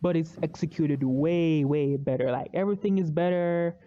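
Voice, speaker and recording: Excitable movie ranter, slightly dull recording. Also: medium pitch, moderate pace. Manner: animated, swings into loud excited outbursts; repeats and restarts words when worked up. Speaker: movie review vlogger. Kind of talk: casual opinionated rant.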